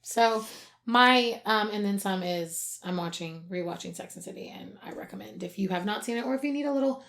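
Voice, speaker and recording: A woman's voice: mid-range voice, brisk, a bit bright. Casting: chatty woman, podcast co-host, upbeat and talkative. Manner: chatty, enthusiastic, laughs often. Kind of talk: casual chat.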